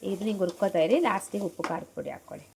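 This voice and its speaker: A woman's voice: medium pitch, rapid-fire, creaky, heavy background noise. Chatty mother on a home cooking vlog. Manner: chatty, explains homely cooking steps to viewers. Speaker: vlogger, mother. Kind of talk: casual cooking vlog chat. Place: home kitchen.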